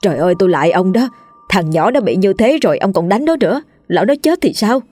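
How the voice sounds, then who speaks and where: A woman's voice: medium pitch, expressive, fast talker, darkish tone, no echo, clean studio sound, close to an everyday voice. A woman voicing a greedy, shrewish village landlord's wife who scolds shrilly. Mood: panicked.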